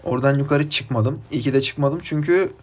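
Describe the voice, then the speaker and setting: A man from Turkey commenting casually on his mobile game match, chatty and rambling from topic to topic, with bursts of excited shouting at his teammates. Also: medium pitch, brisk, slight background noise. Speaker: gaming YouTuber.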